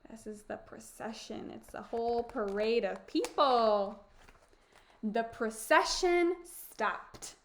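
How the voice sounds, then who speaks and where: A woman teacher reading a picture book aloud in a slow, expressive, emphatic way. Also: fairly high pitch, slight background noise. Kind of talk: storybook read-aloud.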